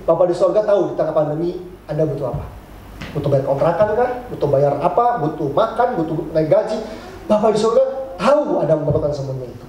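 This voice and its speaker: A middle-aged male pastor giving a lively, joking sermon, acting out his congregants' complaints. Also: a little high, quick pace, muffled recording, a little hiss or hum. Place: church hall. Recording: very echoey church hall.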